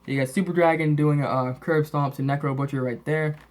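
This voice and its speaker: This is a wrestling DVD collection update, hosted by a man whose braces give him a lisp. He's slightly sick and sniffly, and his fairly high-pitched voice stays steady and fairly quick through the casual, rambling show-and-tell.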